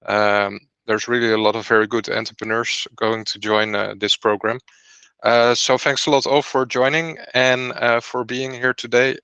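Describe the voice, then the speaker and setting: A man hosts a presentation over a video call. His voice is bright and crisp, and the sound is dry and close. He explains clearly and in an organized way what he is doing as he goes. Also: medium pitch, little pitch movement, normal speed, dry recording. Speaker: program host and startup founder. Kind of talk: online presentation.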